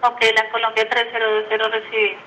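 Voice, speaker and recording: A woman's voice: on the high side, completely flat delivery, quick pace, bright, forceful tone, rough recording. A woman air traffic controller giving procedural instructions to aircraft over the radio. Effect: aviation radio.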